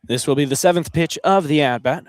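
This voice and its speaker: A young male student announcer calls baseball play-by-play for college radio, his voice sitting a little high. He stays brisk through routine pitches and gets excitable when a ball is hit deep, his pitch climbing with the action. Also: no room sound. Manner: excitable, voice climbs on big plays.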